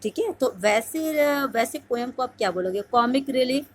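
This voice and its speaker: Woman, exam-prep teacher, slightly high voice, slow deliberate reading of questions, then quicker coaxing explanation. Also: animated. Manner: reads English questions slowly, then explains in quick bursts; coaxing, repeats "ठीक है" often. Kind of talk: Hindi-English mixed lesson.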